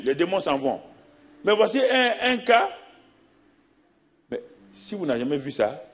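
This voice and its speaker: A middle-aged man preaching a sermon as pastor, animated, repeating himself and asking rhetorical questions. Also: mid-range voice.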